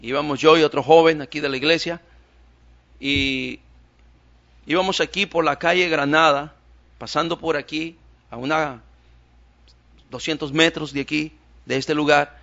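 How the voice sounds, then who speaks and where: A man's voice: fairly high pitch, steady tone, measured pace, long pauses, fairly bright tone. A male pastor preaching a sermon in a church, telling a story with repeated, emphatic phrases. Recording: dull lo-fi church recording.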